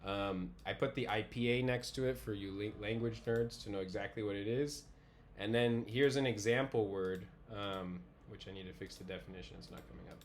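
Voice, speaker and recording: A man with a fairly low voice teaches a class over a video call. He talks casually and pauses to sound out words slowly for his students. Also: steady tone, a little hiss or hum. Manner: casual, demonstrates pronunciation by repeating words slowly. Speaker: language teacher. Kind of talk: online class lecture.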